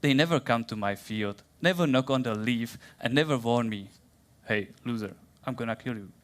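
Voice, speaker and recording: A young man with a Czech accent giving a playful, theatrical science talk in a plant's voice, then answering questions in halting English. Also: mid-range voice. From Czech Republic. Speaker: science communication contestant.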